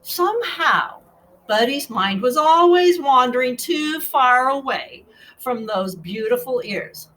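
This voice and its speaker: Animated, unhurried woman reading a storybook. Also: sits high, a little hiss or hum, rough recording. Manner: addresses young listeners with asides. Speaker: storybook reader. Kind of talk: expressive children's read-aloud narration.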